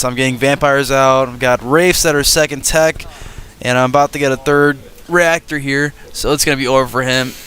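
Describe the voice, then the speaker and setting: A man with a blocked-up, stuffy nose talks through a strategy game match as he plays it. His voice sits at an ordinary middle pitch, and his delivery is loose and conversational, like he is thinking aloud. A faint hiss runs under the recording. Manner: easygoing, thinks out loud. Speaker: gaming channel host. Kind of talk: casual gameplay commentary.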